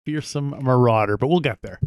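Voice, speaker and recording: A man's voice: medium pitch, brisk, no echo, clean studio sound. A man hosting a casual movie podcast, talking playfully and now and then putting on mock-classy pronunciation. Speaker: podcast host.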